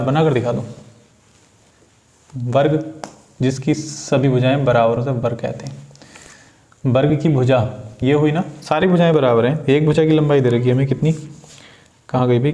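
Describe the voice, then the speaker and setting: A man's voice: medium pitch, dark tone. A man teaching a physics lesson, patiently working through solved problems, asking questions and answering them himself. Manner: patient, addresses students as beta, asks and answers own questions. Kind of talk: classroom problem-solving lesson.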